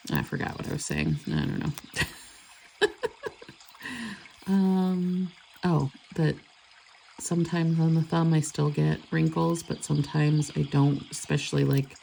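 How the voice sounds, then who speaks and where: Slow gravelly woman chatting. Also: low-pitched, warm tone, slight background noise. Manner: chatty, rambling, self-correcting. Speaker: nail vlogger. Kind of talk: casual chat while doing nails.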